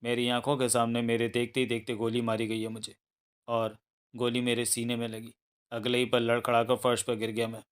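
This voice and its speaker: A man's voice: mid-range voice, a little fast, clean tone, close to an everyday voice. A man voicing a confused young husband who claims to be another man, in a read-aloud thriller novel. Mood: bewildered. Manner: bewildered then calm and explaining.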